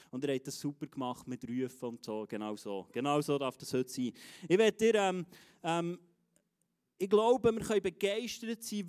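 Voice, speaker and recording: A man with a Swiss German accent preaches to his congregation in a fairly high voice. His delivery is energetic and emphatic, and he turns to address people in the room directly. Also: clear, resonant tone. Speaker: pastor. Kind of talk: enthusiastic live sermon. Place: church service.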